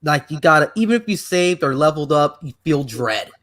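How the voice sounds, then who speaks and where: A man's voice: a little high, animated, a bit bright. A man hosting a casual online podcast, rambling and restarting his sentences with lots of "like". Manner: rambling, halting, heavy on "like" restarts. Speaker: podcast host.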